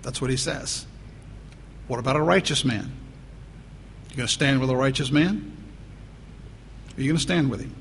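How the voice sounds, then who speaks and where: A man's voice: medium pitch, normal speed, vocal fry, long pauses, fairly bright tone. A man preaching a sermon as pastor, talking conversationally and repeating phrases for emphasis. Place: church. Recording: long church reverb, faint noise.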